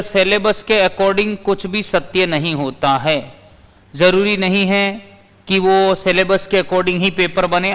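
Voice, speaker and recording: A man with a high, clear and smooth voice teaches physics in a live online class. He repeats his points and answers viewers' comments as he goes. His voice rings with a long reverb. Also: fairly bright tone.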